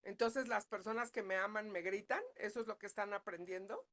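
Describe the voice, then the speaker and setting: A woman leads a parenting class as a psychologist. She talks in a relaxed, conversational way and keeps checking in with her listeners. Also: medium pitch, a little fast. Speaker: psychologist leading a parenting talk. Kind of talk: live online parenting class.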